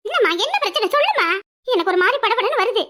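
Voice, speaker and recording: A woman's voice: very high-pitched, big pitch swings, fast talker, pushed and bright, exaggerated voice. A woman voicing a young married village daughter with a Kanyakumari Tamil accent, weepy and melodramatic, for a cartoon. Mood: alarmed. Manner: wailing, melodramatic laments. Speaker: daughter in a family quarrel.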